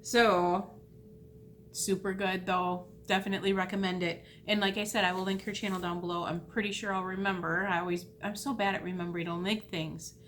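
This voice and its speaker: Woman vlogger, mid-pitch, chatty and self-deprecating, casual rambling delivery. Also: little pitch movement, a little fast, fairly bright tone, slight background noise. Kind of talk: casual storytelling vlog.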